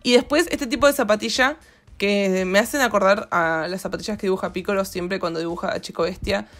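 This Argentine-accented woman has a medium-pitched, fairly bright voice and talks fairly fast. As host of an art channel, she rambles casually over her drawing footage, full of filler words.

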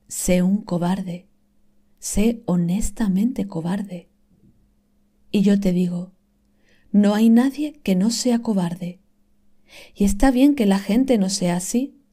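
Soft-spoken woman reading slowly, mellow tone. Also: mid-range voice. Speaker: reader of inspirational texts. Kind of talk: calm scripted reading.

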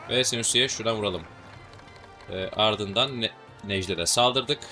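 A Turkish-accented man rattles through his strategy game at high speed, joking and cursing casually. His voice sits low but has a bright, forceful edge. Faint game music plays underneath. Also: measured pace. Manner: chatty, joking, swears casually. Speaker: gaming channel host.

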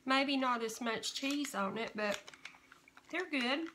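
A woman's voice: high-pitched, animated, takes it slowly, sharp tone, slight background noise. A woman chewing while she talks, chatting casually as she tastes snacks for a home video. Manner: chatty, thinking aloud. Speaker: taste-test vlogger. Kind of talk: casual snack tasting chat.

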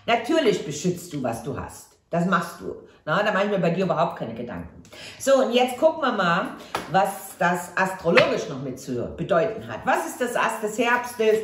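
A woman's voice: fairly low pitch, sing-song, normal speed, roomy sound, a little hiss or hum. A woman giving a casual tarot reading to camera, chatty and reassuring, often tagging on a questioning "ja?". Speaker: tarot reader.

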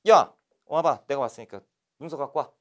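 A man's voice: mid-range voice, fast, natural voice. A male lecturer voicing an arrogant royal inspector who bosses around officials and accuses others in a retold scene. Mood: accusing. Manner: bossy, accusing.

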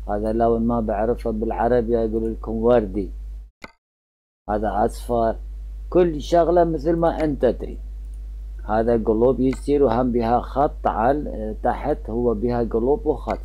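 A man's voice: medium pitch, dull audio. A man with an Iraqi Arabic accent giving casual, chatty gameplay commentary as a gaming channel host, often trailing off mid-word.

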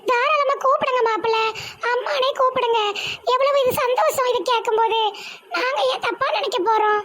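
A woman voicing a warm, chatty village woman with a Tirunelveli Tamil accent. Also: extremely high pitch, steady tone, fairly quick, a little hiss or hum. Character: warm-hearted village woman, young aunt.

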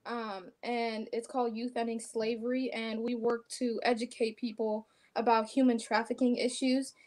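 A young woman who leads a youth nonprofit, explaining its work earnestly, pausing often on a video call. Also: a little high, little pitch movement, darkish tone. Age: young adult. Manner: earnest, informative, hesitant with fillers. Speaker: nonprofit president.

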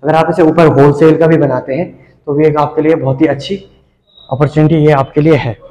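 A young male host walks viewers through a property in an upbeat sales-pitch tone. His voice sits a little high for a man and sounds close and dry, with almost no room sound. He pauses briefly between phrases as he points things out. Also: flat delivery, warm tone, no room sound, poor audio. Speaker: real estate channel host. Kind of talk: property walkthrough narration. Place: street and empty shop, out and indoors.

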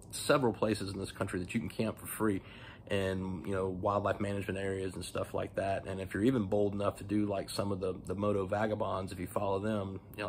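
A man's voice: low voice, slight background noise. A man in his forties casually demoing gear in his home garage, rambling with lots of ums, filmed on a phone held at arm's length. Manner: relaxed, rambling, many ums. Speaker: motorcycle vlogger. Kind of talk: casual product demo. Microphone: phone camera at arm's length.

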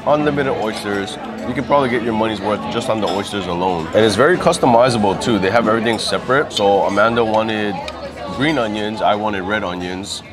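A man in his thirties with a lowish voice talks fairly quickly as he happily reviews food in a crowded dining room by the beach. The casual chat is picked up on a lapel mic over loud piano music and the noise of other diners.

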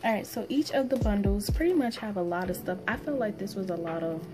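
A woman's voice: mid-range voice, fairly quick, over music. Young woman chatting, mouth stitched after tooth extraction. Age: young adult. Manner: informal, rambling. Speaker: beauty vlogger. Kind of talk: casual product review chat. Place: small indoor room. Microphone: phone propped at arm's length.

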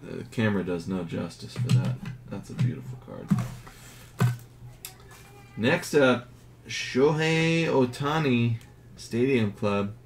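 A man casually narrating as he reveals graded trading cards, reading out each grade in a low-key, unhurried way. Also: soft background music. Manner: slow, low-key commentary, grades read in a flat list. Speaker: card collector. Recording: audible background noise.

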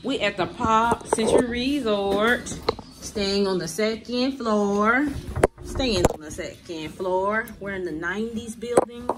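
A woman's voice: medium pitch, slow pace. A woman, a mother filming her family's trip, chatting and narrating as she films. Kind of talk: casual family vlog. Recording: loud music over the voice.

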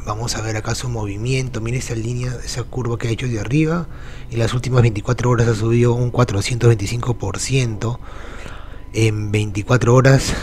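A man's voice: mid-range voice, a little mellow. Male tutorial host, loose and chatty with many fillers; faint background hiss. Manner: casual, many fillers and restarts. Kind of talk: screen-recorded tutorial.

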